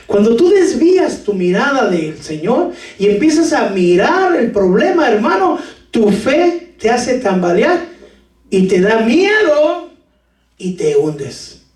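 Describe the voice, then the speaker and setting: High-voiced preaching man in an echoey hall. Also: slow pace. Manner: lively preaching with jokes and shouts, addresses the congregation as brother. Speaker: pastor. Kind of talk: sermon. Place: church hall. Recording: echoey church hall from far off.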